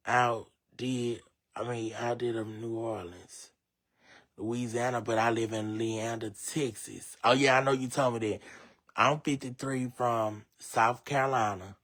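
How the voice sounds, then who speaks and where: On a live stream, a man with a medium-pitched voice casually reads viewer comments aloud. He's chatty and slangy, reacting loudly and laughing.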